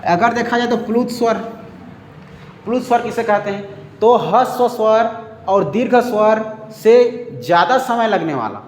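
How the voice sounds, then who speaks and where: Male teacher, high pitch, drilling repetition, reverberant room with faint background hum. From India. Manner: repetitive, drilling with check-ins. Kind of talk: grammar lesson. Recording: echoey room with faint ambience.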